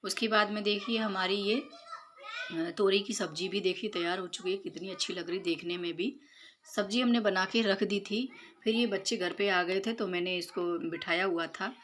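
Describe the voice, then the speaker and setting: In her home kitchen, a mother in her thirties gives casual voice-over narration for a cooking and chores vlog, filling her step-by-step explanations with fillers. Her mid-range, slightly bright voice moves at normal speed with fairly even intonation, and there's slight background noise.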